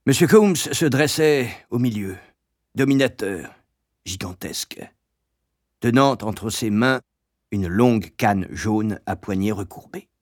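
A man narrating an audiobook in a measured, grave storytelling manner. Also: on the low side, expressive, a little mellow, no room sound, studio quality.

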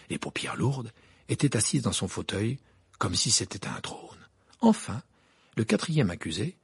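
A man narrating an audiobook in an expressive, dramatic reading style with a gravelly, husky voice. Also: deep voice, no echo. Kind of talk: scripted narration.

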